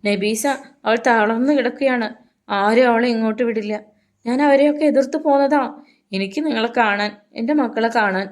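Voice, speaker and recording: Woman doing a wailing old mother, raised high voice, loud and anguished. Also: normal speed, close to an everyday voice. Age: older. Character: frantic grieving old village mother.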